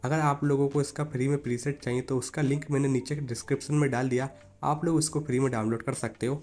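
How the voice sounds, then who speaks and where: Man, tutorial host, quick delivery, casual and chatty, step-by-step instructions. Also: mid-range voice, darkish tone. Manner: casual and chatty, calls viewers "buddy" (यार); instructive, repeatedly tells viewers to look. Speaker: photo editing tutorial host. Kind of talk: step-by-step app tutorial narration.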